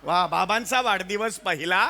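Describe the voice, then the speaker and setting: An actor playing a melodramatic, sentimental elderly father in a stage comedy sketch, telling his story theatrically and loudly. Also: high voice, normal speed, heavily acted. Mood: proud. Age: older.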